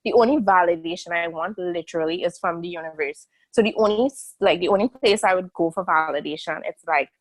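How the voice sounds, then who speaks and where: A woman in her early thirties talks openly on a video call as an interview guest, circling her thoughts with fillers and restarts. Her voice sits on the low side, and the sound is dry and close. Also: brisk, hardly any pauses, dry recording, rough recording. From a small island country. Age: 30s. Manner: candid, rambling, with many fillers and restarts. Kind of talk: casual video-call conversation.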